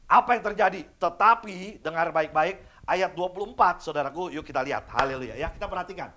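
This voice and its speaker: A man delivering an animated church sermon. His voice sits high, and he keeps putting questions to the congregation and slipping into quick acted-out voices as he preaches. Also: a little hiss or hum. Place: church service.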